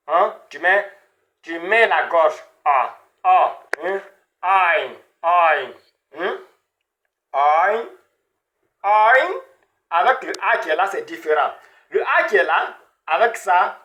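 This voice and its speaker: A man's voice: sits high, bright, forceful tone. A man teaching beginner Arabic pronunciation, repeating each sound over and over and checking in with "hein?" and "voilà". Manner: repetitive, drills sounds with frequent "hein?" and "voilà".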